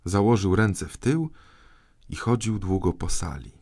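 A man reading a children's audiobook in measured, storytelling narration. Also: low-pitched, animated, gravelly, darkish tone. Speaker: audiobook reader. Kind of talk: scripted narration.

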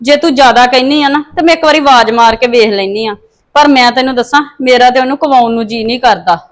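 A gossipy sister-in-law, played by a woman, talking in a high voice. She recounts the family quarrels with eager exclamations. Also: fast, natural voice. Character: sharp-tongued sister-in-law. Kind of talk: family drama acting.

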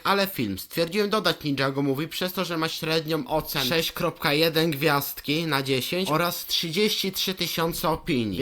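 A man's voice: fairly high pitch, fairly bright tone. A young man hosting his own channel, casually talking through a ranking and reading viewer reviews aloud in a plain, conversational way. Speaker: channel host. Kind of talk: casual ranking video narration.

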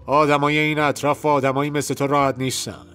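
A blunt cowboy hero with dry humor from a storybook retelling, as a male narrator puts him on. He talks in a fairly high, plain voice. Soft music plays behind him. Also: flat delivery, clean tone, natural voice.

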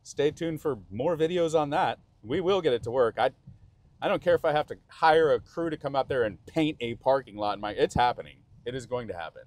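A Texan-accented male vlogger drives a car in the rain, chatting ramblingly and interrupting himself, captured by an action camera mounted inside. His mid-range voice is expressive and brisk.

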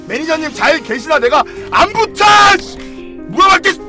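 A young man streaming a game from home, chatting casually and yelling and swearing at the game. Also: high-pitched, big pitch swings, a little fast, faint music behind. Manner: hot-tempered, yells and swears at the game.

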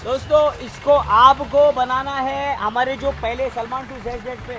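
A man with a fairly high voice speaks in a jokey, teasing way. The recording is full of loud street noise and passing cars. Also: little pitch movement, normal speed. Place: street outdoors. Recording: noisy street with traffic.

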